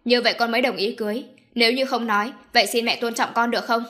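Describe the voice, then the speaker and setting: A woman's voice: a little high, steady tone, quick pace, bright, forceful tone. A woman voicing an angry young adult son who demands answers from his mother in a storybook reading. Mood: earnest. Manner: stern, demanding.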